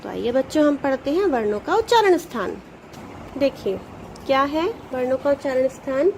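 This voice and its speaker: A woman teacher giving a grammar lesson to children, patient, sounding out letters slowly and asking questions she then answers herself. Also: high-pitched, lively intonation, darkish tone, slight background noise, poor audio. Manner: addresses pupils directly, asks questions then answers them.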